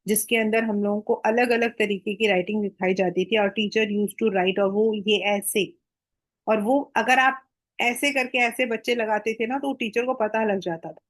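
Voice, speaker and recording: Slow, higher-pitched woman teacher. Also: fairly even intonation, low-quality recording. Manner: reads English textbook lines slowly, explains in Hinglish. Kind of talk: Hindi-English mixed classroom lecture.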